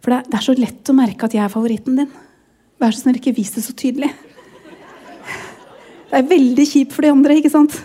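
High-voiced woman giving emotional testimony. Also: fairly even intonation, long pauses, warm tone. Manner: emotional, often near tears and laughing. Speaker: pastor's wife and speaker. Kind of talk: personal testimony in a sermon.

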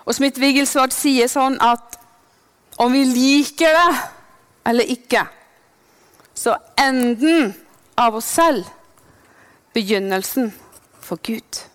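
A woman preaching a sermon with passion, dropping to hushed whispers and then rising to loud proclaiming. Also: high voice, long pauses.

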